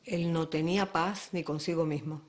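A woman's voice: deep voice, fairly even intonation, normal speed. A woman, an actress, thoughtfully recalling her work with a director in a documentary interview, sometimes searching for words. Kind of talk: reflective interview recollection.

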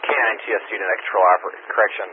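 A man's voice: lowish voice, fairly even intonation, very fast, narrow, tinny audio. A man running a weather spotter radio net as net control, reading warnings in a procedural way over a static-filled radio transmission. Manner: procedural, reads warnings aloud. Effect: radio transmission with room static.

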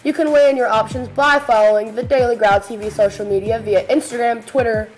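Casting: teenage female student news anchor, slightly high voice, chatty and playful, light music underneath. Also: fairly even intonation, a little fast. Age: teens. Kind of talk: school announcements. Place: small school video studio, seated at desk.

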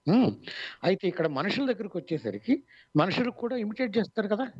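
Telugu accent guy explaining stuff slowly on online radio, lots of pauses and fillers, bit high voice, muffled lo-fi sound. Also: very animated, darkish tone, slightly rough. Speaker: mimicry artist guest. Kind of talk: radio interview answers. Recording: dull lo-fi online radio audio.

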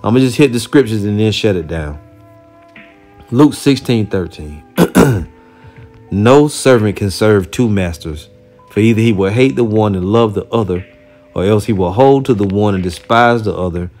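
A man giving an informal preaching commentary, blunt and heated with casual profanity, who reads scripture aloud slowly and deliberately. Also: fairly low pitch, animated, darkish tone, soft background music. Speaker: religious teacher reacting to a video.

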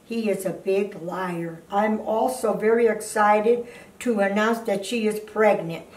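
A woman in her eighties, a blunt grandmother, reading aloud haltingly and adding indignant, scolding remarks. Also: medium pitch, fairly even intonation, a little mellow. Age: 80s. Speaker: grandmother reading fan fiction aloud on a video channel. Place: indoor living room, seated in an armchair. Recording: roomy, distant microphone.

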